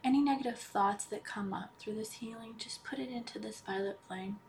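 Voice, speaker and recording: A woman leads a guided healing meditation in a soft, hushed voice, close to the ear and often near a whisper. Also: a little high, fairly quick, slight background noise. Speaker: podcast host and healer leading a guided meditation.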